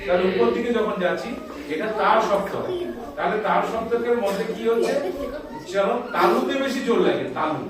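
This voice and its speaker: A man's voice: high-pitched, brisk, very echoey, recorded from a distance, background noise. A man teaching schoolchildren a music lesson, explaining step by step, calling out scale notes and scolding the chatty ones. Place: school classroom.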